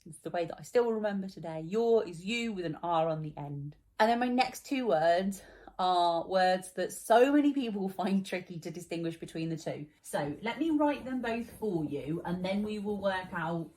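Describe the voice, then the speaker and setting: A woman's voice: fairly low pitch, lively intonation, normal speed, darkish tone. Patient woman teaching children spelling. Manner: patient, encouraging, explains step by step.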